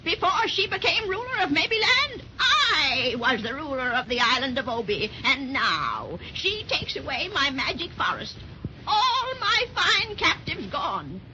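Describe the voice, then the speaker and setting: Mean old cackly witch, high voice all over the place, theatrical threats, old 30s radio show w/ hissy sound. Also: big pitch swings, unhurried. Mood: indignant, aggrieved. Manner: theatrical, menacing, taunting. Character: wicked old witch, vengeful, gloating, mocking. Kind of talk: 1930s children's radio serial acting. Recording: muffled, noisy 1930s radio transcription.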